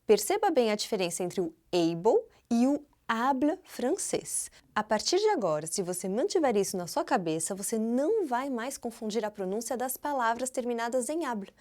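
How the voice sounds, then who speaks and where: Woman, language teacher on video. Higher voice with a lot of melody. Chatty, clear pronunciation demos. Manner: clear, careful demonstrations of pronunciation; lively and chatty, asks the viewer questions. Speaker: French teacher. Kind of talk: online language lesson.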